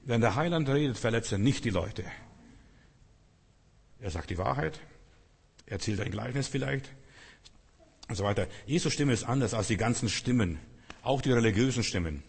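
A man's voice: medium pitch, animated, moderate pace, creaky, long pauses, breathy edge. A man preaching a sermon in an earnest, direct way, asking the listeners rhetorical questions. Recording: long reverb of a large hall.

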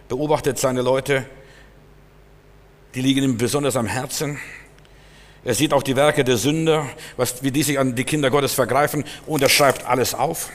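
A man delivers a sermon with emphatic stresses, dropping often to quieter, lower lines. His voice sits in the middle range and rings with a long reverb. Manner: emphatic, swinging between loud and soft. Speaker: preacher.

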